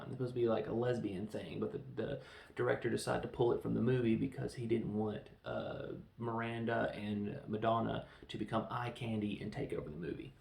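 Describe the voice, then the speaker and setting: Gravelly man ranting through a film review. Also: medium pitch. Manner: animated, mocks people with quick put-on voices. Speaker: podcast host reviewing films. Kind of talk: casual opinionated film review. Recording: echoey room with faint background noise.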